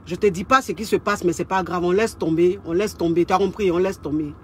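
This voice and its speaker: A woman voicing a grown man who gently consoles his crying partner in a low, hushed tone. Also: rapid-fire, slight background noise, close to an everyday voice. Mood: soothing.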